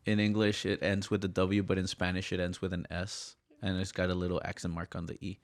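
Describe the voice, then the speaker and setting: A man's voice: sits low, monotone, fairly quick. An American man co-hosting a casual podcast chat, easygoing and a little hesitant. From United States.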